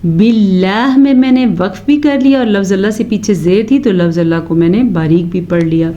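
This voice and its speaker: A woman teaching Quran recitation rules to her students, explaining each rule and then reciting verses in a slow, drawn-out chant. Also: medium pitch, dark tone, dull audio. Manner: addresses students directly. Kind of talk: recitation lesson.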